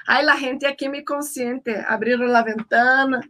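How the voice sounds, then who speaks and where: A woman host with a Mexican accent chatting casually with a guest, bubbly and quick to laugh. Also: high voice, steady tone, bright, forceful tone. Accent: Mexican Spanish. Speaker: show host. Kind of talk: casual interview chat.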